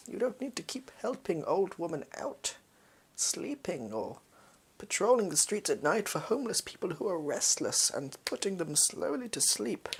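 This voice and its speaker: Someone putting on a husky, fake posh English villain. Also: medium pitch, exaggerated voice. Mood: pompous, lecturing. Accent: posh English, put on. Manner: fake posh voice, over-precise and evasive, halting. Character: pompous, shady posh villain recruiting for an evil league. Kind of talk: improvised villain role-play monologue.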